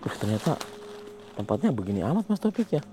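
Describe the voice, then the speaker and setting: A man hosting a ghost-hunting vlog outdoors near a village, talking in a hushed voice to his companion and muttering Islamic prayers. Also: mid-range voice, big pitch swings, quick pace, noisy background. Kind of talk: hushed on-location narration.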